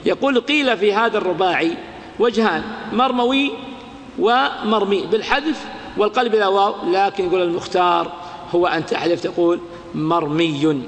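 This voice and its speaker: A man teaching grammar to a class, repeating key words and quizzing his students with quick questions. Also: high voice. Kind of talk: classroom lecture explaining a grammar text. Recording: long hall reverb.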